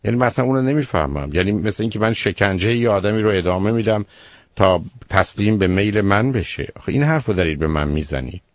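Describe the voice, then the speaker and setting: A man's voice: fairly low pitch, animated, no echo, dull audio. A man hosting a radio call-in show as the advising doctor. He lectures the caller bluntly and keeps firing rhetorical questions.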